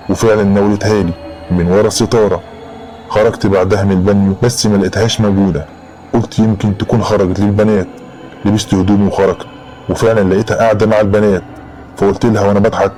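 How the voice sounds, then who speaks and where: A man's voice: fairly low pitch, mellow. A man with an Egyptian Arabic accent narrating a horror story in the first person, in a dramatic storytelling style.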